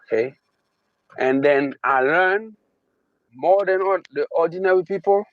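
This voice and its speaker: On the high side, this Haitian man's voice carries a Haitian accent through his motivational talk, full of emphasis, repeated key phrases and slow drawn-out stresses. The audio is narrow and tinny, with no room sound.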